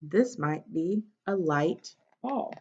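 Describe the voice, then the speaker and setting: A woman teacher reads a picture book aloud to young children, instructing them and prompting them with questions. Her fairly low, slightly rough voice is animated but slow, and the recording sounds dull and lo-fi.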